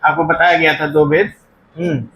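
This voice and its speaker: A man's voice: fairly high pitch, little pitch movement, normal speed, muffled recording, a little hiss or hum. A male teacher giving a grammar lesson in a classroom. He asks the class questions and often answers them himself, repeating the key terms. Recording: echoey classroom.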